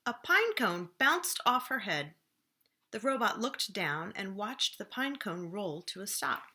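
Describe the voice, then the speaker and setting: A woman reads a children's storybook aloud the way a librarian might, full of expression, with dramatic pauses and slower, hushed lines to build suspense. Her mid-range voice has a sing-song quality.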